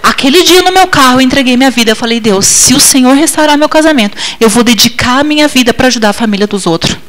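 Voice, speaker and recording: High-voiced woman preaching testimony. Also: animated, fast talker, a bit bright, low-quality recording. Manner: emotional, dramatic swings in pitch and volume, acts out her own past replies. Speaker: missionary preacher. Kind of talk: testimony sermon.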